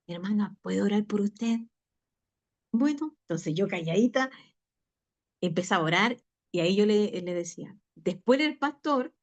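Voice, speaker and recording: A woman pastor telling a personal testimony in a Bible study, chatty and full of fillers and restarts. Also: mid-range voice. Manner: conversational storytelling with many fillers and restarts.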